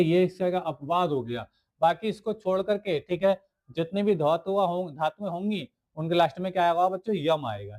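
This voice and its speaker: A man's voice: high voice, a little mellow. A man teaching school science in a video lecture, asking his students questions and answering them himself, repeating each key word. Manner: writes on the screen while explaining.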